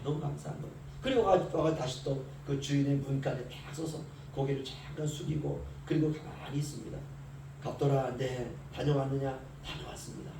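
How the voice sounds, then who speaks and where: Lively preaching man in echoey hall. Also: on the high side. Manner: storytelling, acts out quoted voices of servant and master. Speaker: pastor. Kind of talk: early-morning sermon. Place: church sanctuary. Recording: echoey church hall from far off, faint hiss.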